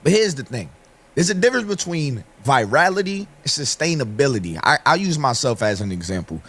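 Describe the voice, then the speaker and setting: Opinionated man with a dry, hoarse voice. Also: mid-range voice, sing-song, a little fast, a bit bright. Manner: opinionated, conversational, addresses viewers directly. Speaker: online commentator. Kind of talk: opinion commentary video.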